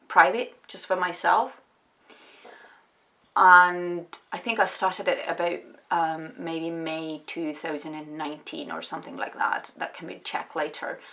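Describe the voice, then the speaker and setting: A woman from Estonia, a writer answering interview questions in a reflective, hesitant way with many pauses and restarts. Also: on the low side, pushed and bright.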